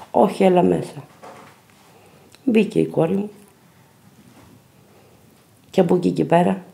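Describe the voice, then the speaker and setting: A man's voice: a little high, gravelly, warm tone. A man, a parent, giving a bitter, accusing documentary testimony. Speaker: interviewee, parent.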